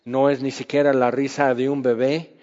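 A man preaching a sermon in a conversational way, acting out quoted voices and sometimes dropping to a hush. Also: medium pitch, level tone, normal speed. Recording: dull sound with long hall reverb.

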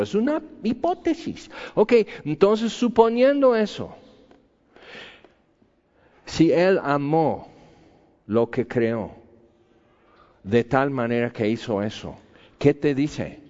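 A man's voice: a little high, sing-song, takes it slowly, long pauses, darkish tone. A man preaching a sermon in a conversational, argumentative way, full of rhetorical questions. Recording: echoey hall, dull lo-fi sound.

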